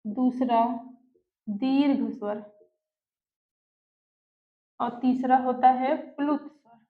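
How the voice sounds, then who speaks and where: A woman teacher giving an online class, slowly putting questions and answering them herself, and dictating notes word by word. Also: sits high. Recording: echoey room, tinny phone-like sound.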